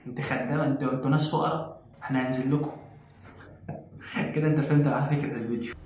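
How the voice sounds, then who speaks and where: Fast-talking sarcastic Egyptian man. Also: mid-range voice, fairly even intonation, a little mellow. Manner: mocking, sarcastic, laughs at the clip. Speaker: reaction video host. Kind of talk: casual reaction commentary. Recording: very echoey room, faint noise.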